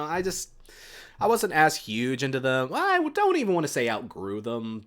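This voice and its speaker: A man's voice: mid-range voice, fairly bright tone. A young man chatting casually on a live stream, answering viewers' questions and rambling enthusiastically about music, often restarting his sentences. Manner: rambling, with many restarts and fillers.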